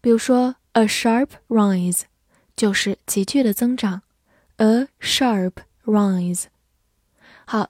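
A woman, a native Chinese speaker, teaching English vocabulary in a scripted lesson, spelling words out letter by letter and reading example sentences slowly. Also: mid-range voice, darkish tone, no room sound, studio quality.

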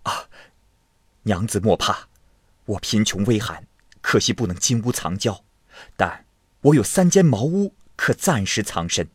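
A man's voice: on the low side, lively intonation, measured pace, long pauses, husky, no echo, clean studio sound. A man voicing a poor young scholar who anxiously tries to console his wife. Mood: consoling.

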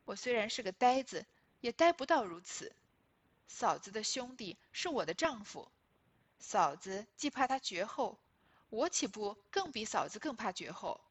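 Cunning young noble lady, read by a woman, feigned grievance, emphatic, slightly raised and husky. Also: a little high, big pitch swings, normal speed. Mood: aggrieved, scheming. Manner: theatrical, emphatic recitation of classical dialogue. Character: shrewd sharp-tongued young noblewoman, feigning hurt. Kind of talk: reading a classic novel aloud.

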